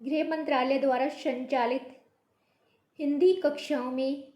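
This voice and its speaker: A woman teaching a Hindi class, patiently repeating each word slowly to show how it should sound. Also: high-pitched, steady tone, a little mellow, reverberant. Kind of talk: online language lesson.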